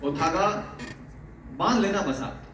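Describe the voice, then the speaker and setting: A male teacher gives students a motivational talk in a fatherly way, calling them "beta" and laughing often. His voice is high-pitched, animated and a bit bright, and he speaks a little slowly. The recording is very echoey, with a distant mic and faint noise.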